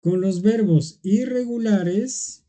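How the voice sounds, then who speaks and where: A patient English teacher speaks at a medium pitch, slowly walking an online class through grammar. The very dark, mellow voice goes step by step and keeps checking in with the learners.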